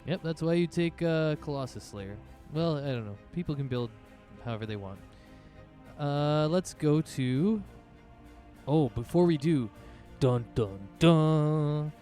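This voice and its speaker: A man's voice: fairly high pitch, animated, unhurried, warm tone, faint music behind. A man working as game master, casually narrating a tabletop fantasy game and thinking aloud as he goes.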